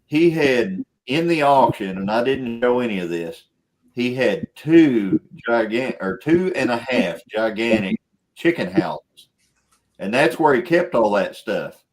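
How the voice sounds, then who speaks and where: A man's voice: mid-range voice, sing-song, measured pace, slight background noise. A man, hosting a casual chat in a folksy, rambling way and laughing often. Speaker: show host.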